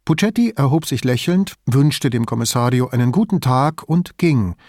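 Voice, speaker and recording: A man narrating an audiobook in an even, measured reading voice. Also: mid-range voice, no echo, clean studio sound. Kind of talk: scripted narration.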